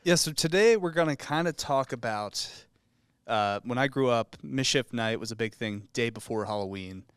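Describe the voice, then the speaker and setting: A man's voice: medium pitch, moderate pace, fairly bright tone, clean tone, no room sound, studio quality. A man hosting a podcast who asks curious questions and leads the topic in casual chat. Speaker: podcast host.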